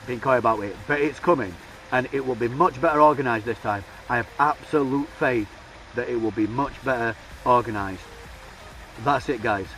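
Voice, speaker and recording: Male vlogger, enthusiastic, rapid-fire delivery, middle pitch. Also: recorded from a distance, a little hiss or hum, rough recording. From United Kingdom. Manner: excitable, enthusiastic, talks fast. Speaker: YouTuber. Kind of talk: casual vlog commentary.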